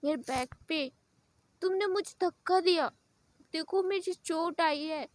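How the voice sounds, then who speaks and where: A woman's voice: very high voice, slow, no room sound. Woman doing a whiny, childish young woman. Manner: whining, pleading, fake crying.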